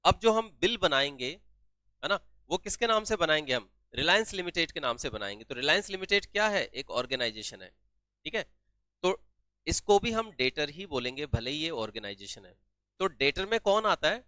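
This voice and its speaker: Bright, crisp male accounting teacher. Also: fairly high pitch, very animated, normal speed, no echo. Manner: asks questions and answers them himself, repeats key terms. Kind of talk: classroom-style lesson.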